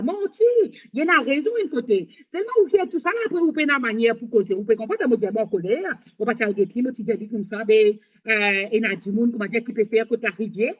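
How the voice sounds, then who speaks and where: High-voiced woman rambling on a live stream. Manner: halting, repetitive, broken phrasing. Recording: dull lo-fi sound.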